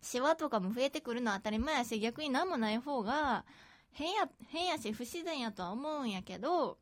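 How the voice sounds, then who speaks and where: A woman's voice: sits high, moderate pace. Chatty Kansai-accented woman. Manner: chatty, giggly, animated. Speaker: podcast host. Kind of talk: casual chat.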